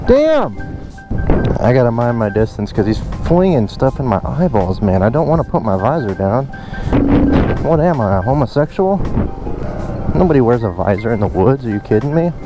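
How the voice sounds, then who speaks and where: A man's voice: medium pitch, fairly quick, over music, rough recording. A young man giving casual, slangy, exclaiming commentary while jostled on a bumpy off-road motorbike ride outdoors, talking with some effort. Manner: excitable, exclaiming, slangy bro talk. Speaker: vlogger riding a dirt bike. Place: outdoors on a moving motorbike on woodland trails.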